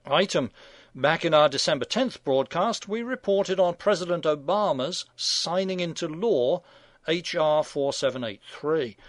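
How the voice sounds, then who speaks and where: A man's voice: on the high side, no room sound. Dry-witted man in his sixties. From England. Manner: dry, sardonic, wry asides. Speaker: radio commentary host. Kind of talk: scripted opinion commentary.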